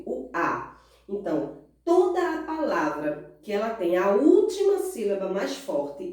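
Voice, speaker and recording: A woman with a Brazilian Portuguese accent teaching a recorded class, slow and patient, stretching out stressed syllables and asking the pupils questions. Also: medium pitch, darkish tone. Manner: asks pupils questions and answers in their voice. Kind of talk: recorded remote class lesson. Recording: roomy echo, far from mic.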